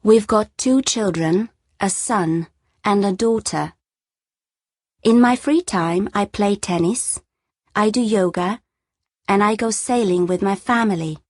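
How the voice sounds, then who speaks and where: A woman's voice: medium pitch, slow pace, a little mellow, dry recording, studio quality. A woman in her thirties reading a scripted self-introduction for an English lesson. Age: 30s.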